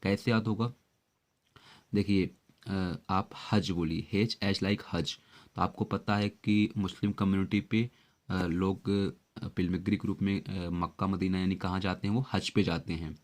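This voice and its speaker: Low-pitched male tutor, chatty explainer who keeps quizzing the listener. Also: level tone, unhurried, darkish tone. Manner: chatty, with repeated questions to the viewer. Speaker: exam-prep vocabulary teacher. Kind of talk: explanatory lesson.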